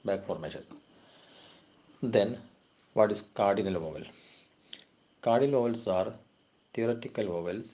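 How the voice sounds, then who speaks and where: A low-pitched man with a dark tone and a Kerala accent teaches linguistics as a university lecturer, in an exam question-and-answer format. English definitions come slowly, and his Malayalam asides explaining them come more quickly.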